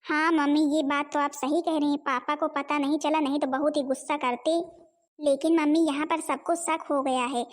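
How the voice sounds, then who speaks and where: Spoiled young cartoon wife voiced by a woman, high voice, defiant, quick-tempered. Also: flat delivery, close to an everyday voice. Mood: eager. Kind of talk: homemade cartoon voice acting.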